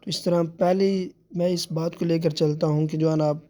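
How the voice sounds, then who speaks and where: A man teaching Quran recitation step by step, patiently explaining and drawing out letter sounds slowly. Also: a little high, fairly even intonation, dark tone.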